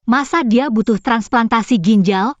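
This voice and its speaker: An actress voicing a young heroine in a dubbed short drama, by turns pleading and defiant. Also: female voice, on the high side, normal speed, no room sound, muffled recording, close to an everyday voice. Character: defiant young heroine, desperate to protect her grandma.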